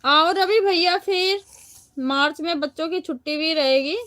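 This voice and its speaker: A woman's voice: very high-pitched, unhurried, sharp tone. A woman hosting a casual live stream from home, chatting with viewers and teasing them as brothers.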